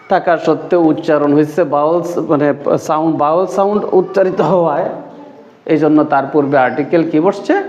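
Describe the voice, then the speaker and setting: Male English tutor, slightly high voice, repeats key words, echoey dull room sound. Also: darkish tone. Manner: repeats key words slowly, asks and answers his own questions. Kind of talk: explaining grammar rules.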